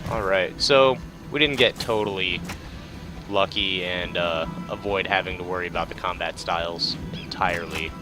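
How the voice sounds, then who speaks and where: This let's play host has a low voice and talks at normal speed, with game music playing behind him. Relaxed and casual, he muses aloud and reads the tutorial text on screen.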